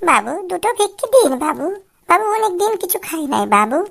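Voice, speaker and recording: A whiny, wheedling cartoon beggar man, voiced by a woman, begging in a high, gravelly sing-song. The words come fast and pitched up, with a rough fry at the edges. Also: very animated, heavily acted. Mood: pleading. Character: whiny male beggar voice from a speaker box. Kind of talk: comic cartoon voice acting.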